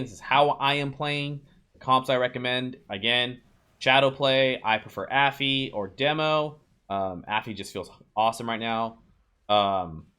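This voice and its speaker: A streamer who makes game guides narrates a casual tutorial, his medium-pitched voice carrying a sharp edge. He talks loosely to "you guys," filling the clip with ums, uhs and restarts.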